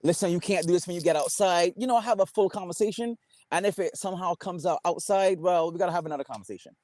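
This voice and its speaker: A man's voice: high-pitched, quick pace, a little mellow, no echo. A young man from Barbados with a Barbadian accent, chatting on a panel in a rambling way, full of fillers and restarts. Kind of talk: casual panel chat.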